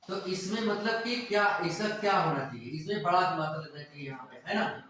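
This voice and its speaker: A man's voice: sits high, fairly quick, sharp tone, a little hiss or hum. A man teaching a grammar class who repeats words and quizzes his students, recorded in a classroom. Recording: echoey classroom, mic far off.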